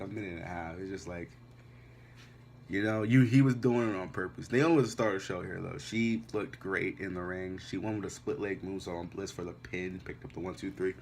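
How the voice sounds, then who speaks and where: A man with a very deep voice recaps a wrestling show casually, blunt and heavy on swearing. Faint noise hums behind him. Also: darkish tone. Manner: profane, blunt, dismissive.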